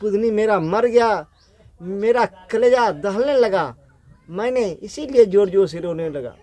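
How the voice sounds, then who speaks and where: A man's voice: high-pitched, lively intonation, a little slow, darkish tone. A man doing a grieving old village woman. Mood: mournful. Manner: plaintive, repeats her lament.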